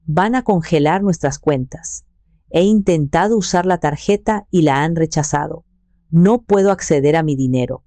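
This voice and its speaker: A woman voicing a panicked, manipulative grown son who shouts and pleads. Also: low voice, normal speed, no echo. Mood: complaining.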